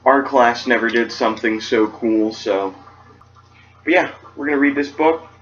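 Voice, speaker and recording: A man's voice: mid-range voice, moderate pace, fairly bright tone, lo-fi sound, slight background noise. A teenage young man from California reading a children's book aloud, with dry, self-mocking asides. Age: late teens.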